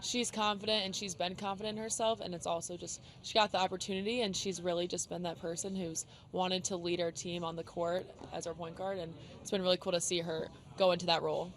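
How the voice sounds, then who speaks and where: Young American woman athlete, slightly low voice, loose filler-heavy talk. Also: level tone, fairly quick, few pauses. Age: young adult. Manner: casual, many "like" fillers. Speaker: college basketball player. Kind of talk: casual interview chat.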